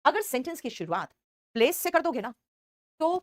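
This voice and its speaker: A woman with an Indian accent teaching English grammar in an online class. She explains step by step, slowly repeats the example sentences and praises students by name. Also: high-pitched, sing-song, no room sound.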